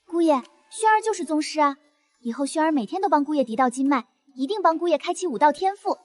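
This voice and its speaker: A woman's voice: sits high, lively intonation, fast, darkish tone, a little hiss or hum. A woman playing an eager, devoted young maid with a sweet, whiny streak and a coaxing, deferential manner in a dramatised story.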